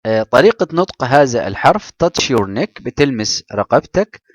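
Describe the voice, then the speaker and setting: A man's voice: mid-range voice, very animated, normal speed, no echo, clean studio sound. A man with an Egyptian Arabic accent, teaching English to children and explaining in Arabic between the English words.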